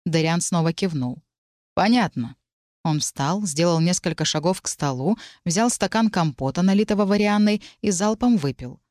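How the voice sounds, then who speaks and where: A woman's voice: on the low side, normal speed, hardly any pauses, a little mellow, no room sound, studio quality. A woman narrating a fantasy novel in the first person as an audiobook reader.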